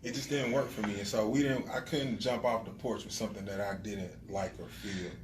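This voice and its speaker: A man's voice: lowish voice, steady tone, fairly quick, recorded from a distance. Man, storytelling guest, echoey room, background noise. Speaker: whiskey brand guest. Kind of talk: casual radio interview.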